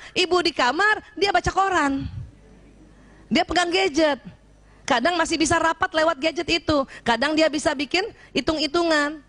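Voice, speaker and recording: A woman giving a lively talk to an audience of women, animated and often checking in with her listeners. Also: fairly high pitch. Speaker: speaker addressing women.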